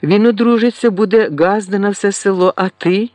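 A man's voice: high voice, normal speed, a little mellow, no echo, voice pushed up, lightly acted. A man voicing a bitter old village woman in a storybook, speaking in an aggrieved, reproachful tone.

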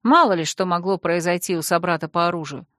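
A woman's voice: lowish voice, fast talker, a bit bright, no echo, clean studio sound. Woman narrating a fantasy audiobook.

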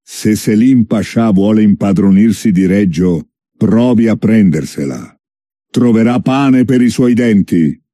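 A man playing a usually soft-spoken city governor who thunders a defiant challenge. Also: on the low side, a little slow, no echo, clean studio sound, voice pushed up. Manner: thundering, commanding proclamation.

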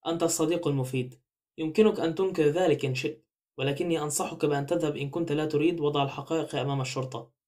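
Man voicing a calm, shrewd detective. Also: fairly high pitch, very fast, natural voice. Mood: assured. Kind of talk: audiobook character voice.

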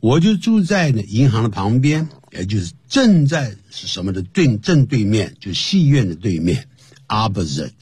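A man's voice: lowish voice, big pitch swings, normal speed, darkish tone, breathy edge, dry recording. A man co-hosting a radio English lesson, explaining words and usage patiently. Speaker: English teacher, radio co-host. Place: radio studio.

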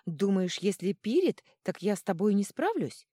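A woman's voice: wildly swooping pitch, dark tone, dry recording, studio quality. A woman voicing a fussy male cat-god spirit who shrieks indignantly. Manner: shrill, indignant, rapid.

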